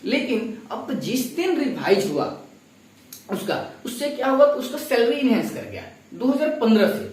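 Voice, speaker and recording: A man gives a classroom lecture, working through the material step by step and asking his students questions. His voice is extremely high and sing-song with a darkish tone at a moderate pace, recorded from far off in an echoey room.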